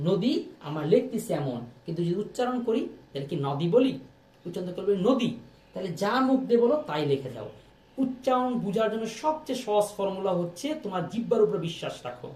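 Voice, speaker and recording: A young male teacher, giving a lively exam-prep lesson and repeating questions to his students. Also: high-pitched, fairly quick, recorded from a distance. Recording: echoey room, off-mic.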